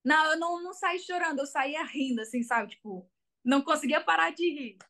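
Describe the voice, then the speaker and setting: A woman's voice: sits high, brisk, a bit bright. A young Brazilian woman with a Brazilian Portuguese accent, chatting casually as an interview guest and telling her story with lots of fillers. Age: young adult. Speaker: guest, college soccer player.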